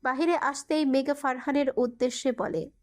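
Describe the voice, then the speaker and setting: A woman with a fairly high voice reads a romance story aloud. She narrates in a steady, even manner. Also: normal speed.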